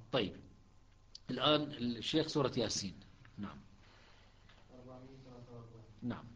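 A man's voice: on the high side, a bit bright. A man teaching Quran recitation, correcting students and demonstrating the readings. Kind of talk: online tajweed lesson. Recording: muffled lo-fi sound.

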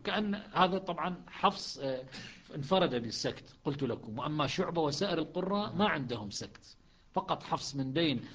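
A man's voice: on the high side, fairly bright tone. A man teaching Quran recitation, correcting students and demonstrating the readings. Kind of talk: online tajweed lesson. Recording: muffled lo-fi sound.

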